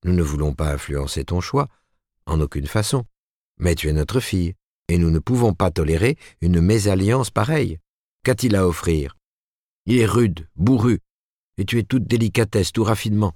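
A man's voice: low voice, expressive, normal speed, darkish tone, dry recording, clean studio sound. A man reading the part of a proper, disapproving middle-aged mother who lectures her daughter in an audiobook. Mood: admonishing. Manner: admonishing, rising emphatically.

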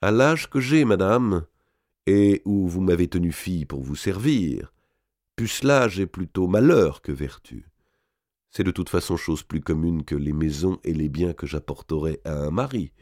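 A man reading an audiobook, voicing a young lady's maid who speaks with false gentleness and quiet spite. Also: low voice, animated, a little slow, no echo, clean studio sound. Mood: sly. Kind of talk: audiobook character voice.

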